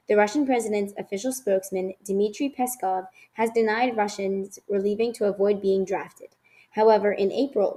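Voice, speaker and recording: A woman's voice: medium pitch, darkish tone. A woman working as a news reporter, reading a scripted report and putting questions to a guest. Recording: echoey room with faint noise.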